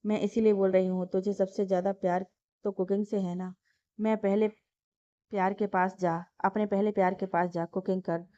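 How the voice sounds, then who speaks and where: A woman voicing a caring young woman who gently coaxes and scolds her friend. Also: mid-range voice, flat delivery, moderate pace, no room sound, lightly acted. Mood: coaxing. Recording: dull lo-fi dry recording.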